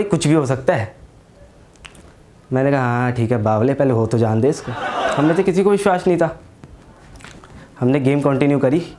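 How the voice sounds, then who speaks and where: Young guy doing standup, slangy and crude, acts out his friends, voice a bit high. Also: noisy background. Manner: crude slangy storytelling, acting out friends' lines. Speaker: stand-up comedian. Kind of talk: stand-up storytelling.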